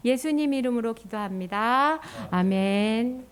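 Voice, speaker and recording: A woman minister giving an animated children's sermon, sing-song and sometimes dropping to a whisper. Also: fairly high pitch, measured pace.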